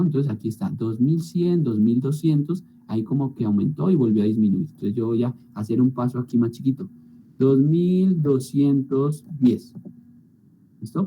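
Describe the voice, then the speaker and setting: A man's voice: medium pitch, muffled recording, slight background noise. A male teacher walking students through spreadsheet calculations in an online class, often checking in with them. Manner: talks through spreadsheet steps, frequent checking tags.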